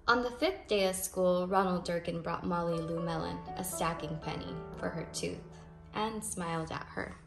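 Over music, a woman with a lowish, creaky voice reads a children's picture book aloud at a moderate pace, stretching key phrases for expressive emphasis as a storybook reader. The home recording is noisy and has clicks.

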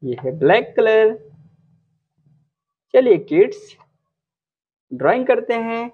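A very slow, lilting voice-over for a kids' drawing lesson, calling out each color and shape one by one. The pitch rises and falls a lot. The sound is thin and tinny, like a phone line. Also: sing-song, husky. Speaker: children's drawing teacher. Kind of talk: slow instructional narration for kids.

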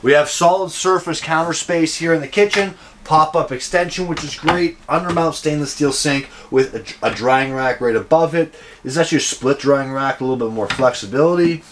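A man's voice: fairly high pitch, fairly quick. A man giving an upbeat, jokey walkthrough of a camper trailer as a dealership salesman. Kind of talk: casual walkthrough tour. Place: inside a small camper trailer. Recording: noisy camper interior.

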